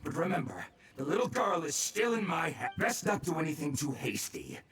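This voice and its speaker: An actor voicing a menacing, short-tempered bandit kidnapper in a video game, with a sneering, theatrical delivery. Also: male voice, a little high, huge pitch swings, normal speed, a bit bright, recorded from a distance, slight background noise. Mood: nervous threatening. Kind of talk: English video game voice acting.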